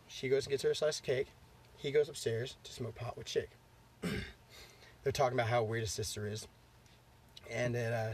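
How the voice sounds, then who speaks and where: A man's voice: medium pitch, slight background noise. Congested man swearing through a story. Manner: rambling, profane, lots of fillers. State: congested, clearing throat. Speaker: podcast host. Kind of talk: casual chat, storytelling.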